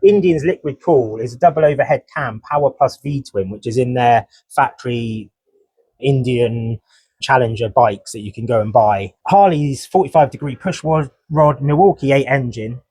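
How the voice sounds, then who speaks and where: A man's voice: mid-range voice, normal speed, a little mellow, slightly rough, no echo. A man co-hosting a podcast, chatting casually about motorcycle racing and reading from his notes. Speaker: podcast co-host. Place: motorcycle dealership event.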